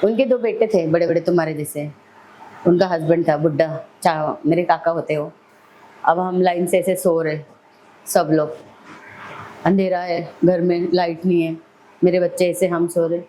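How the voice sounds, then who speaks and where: A woman's voice: fairly low pitch, steady tone, normal speed, pauses often, dark tone, a little hiss or hum, rough recording. A middle-aged woman, a podcast guest telling her life story vividly. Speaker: celebrity hair stylist, podcast guest. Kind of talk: personal storytelling in an interview.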